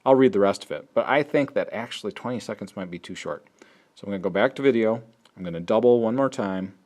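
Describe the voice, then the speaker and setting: A man's voice: low voice, a little mellow. A man explaining an app step by step in a tutorial, thinking aloud as he works. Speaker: teacher. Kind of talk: screen-recorded app tutorial.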